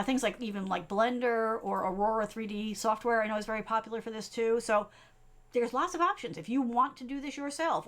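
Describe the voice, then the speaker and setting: A middle-aged woman from the US East Coast giving a casual live-stream tutorial as a tech coach, talking fast and chatty with many fillers and "right?" tag questions. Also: fairly high pitch.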